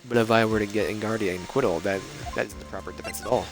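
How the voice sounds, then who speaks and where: A man voicing an earnest, hesitant young male defense lawyer in a game, low-pitched over game music. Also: fairly even intonation, racing, close to an everyday voice. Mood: earnest troubled. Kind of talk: reading game dialogue aloud.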